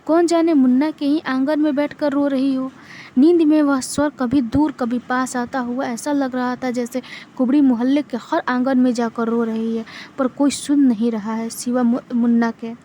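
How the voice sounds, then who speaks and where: A woman reading a short story aloud in a steady narrating manner, with small restarts. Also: high-pitched, moderate pace, slight background noise. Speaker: literature reader.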